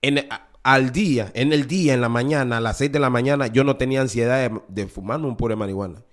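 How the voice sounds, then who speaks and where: A man's voice: mid-range voice, quick pace. A man giving an earnest, confessional podcast testimony, often repeating his phrases. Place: New Orleans.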